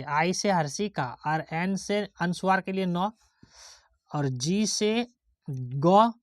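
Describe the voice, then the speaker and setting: A woman teacher with a voice on the low side gives a classroom-style spelling lesson. She goes letter by letter through each word and keeps checking, through questions, that the pupils follow. There's no room sound.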